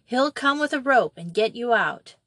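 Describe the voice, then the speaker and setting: A woman's voice: on the high side, expressive, normal speed, fairly bright tone, no echo, voice pushed up. Woman doing an anxious young girl. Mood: firm. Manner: urgent, trying to sound firm. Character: brave young girl, anxious but trying to be firm.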